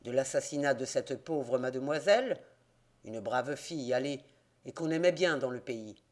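A man reading an audiobook, voicing a gruff, hostile male innkeeper in the countryside who growls his words in rustic speech. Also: medium pitch, animated, normal speed, pitched below the performer's own voice, natural voice.

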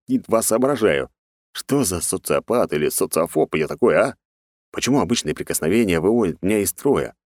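A man narrating a first-person fantasy audiobook in a sardonic, rough-edged, casually swearing manner. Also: low voice, darkish tone, no room sound, studio quality.

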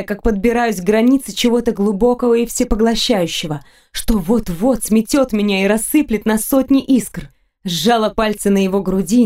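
A woman narrating a first-person romance audiobook, reading softly, intimately and sensually. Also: mid-range voice.

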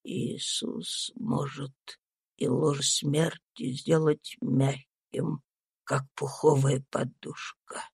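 Lady doing a frail dying old man, whispery and slow, calm and holy sounding, audiobook. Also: extremely low pitch, creaky, husky, dry recording, studio quality, pitched below the performer's own voice, exaggerated voice. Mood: faint, solemn. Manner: weak, faint, slow and solemn. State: whispery and breathless. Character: dying old male slave, gentle and devout. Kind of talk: audiobook reading.

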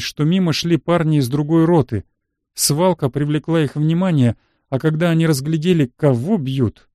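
Need: male audiobook narrator, somewhat high voice, terse and matter-of-fact, dry studio sound. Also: darkish tone, dry recording. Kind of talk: scripted first-person narration.

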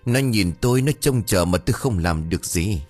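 A man's voice: sits low, lively intonation, brisk, music in the background. A man voicing a poor, grieving old father who pleads in choked, remorseful words in a storybook tale. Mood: anguished.

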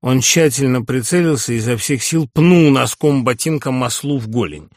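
A man's voice: mid-range voice, dry recording. Man narrating an audiobook, dry sound. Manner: measured literary reading. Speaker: audiobook reader.

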